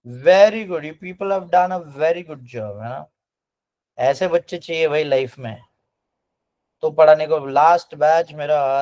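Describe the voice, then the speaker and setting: A man with an Indian accent teaching a class, mixing Hindi and English and cheering on his students. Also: a little high. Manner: lively, praising students, Hindi-English mix. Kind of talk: classroom lecture.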